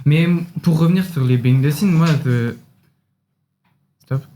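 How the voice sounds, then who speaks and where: Man playing slushy-lisped, mellow young film fanatic. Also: fairly high pitch, measured pace, a little hiss or hum, lightly acted. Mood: earnest, defensive. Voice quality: lisp, slushy sh for s. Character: earnest, touchy young male behind-the-scenes film fanatic. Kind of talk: improvised-sounding talk show sketch.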